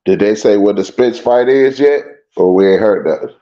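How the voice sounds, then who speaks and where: A man's voice: fairly low pitch, animated, moderate pace, warm tone, lo-fi sound. A man hosting a podcast in a laid-back casual chat, using loose slang and stumbling over his words now and then. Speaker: podcast host.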